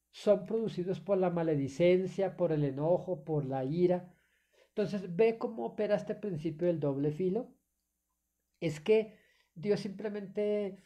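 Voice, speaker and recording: A woman's voice: lowish voice, dark tone. A woman preaching a sermon, addressing the listener formally and often checking they follow, with hesitant fillers between phrases.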